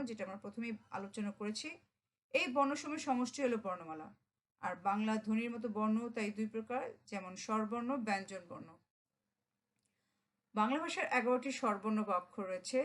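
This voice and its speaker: A woman teaching a grammar lesson, explaining terms in a steady classroom manner. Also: a little high, poor audio. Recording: loud background noise.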